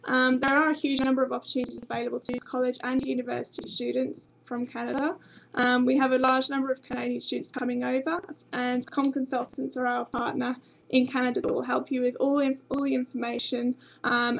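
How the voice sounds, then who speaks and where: A young woman from England, her English accent showing a slight Australian tinge, speaks in a gravelly, fairly high-pitched voice, captured on a low-quality recording. Using a webcam at her desk in a small office with a banner behind her, she presents a university webinar in a chatty, informative way, peppered with ums.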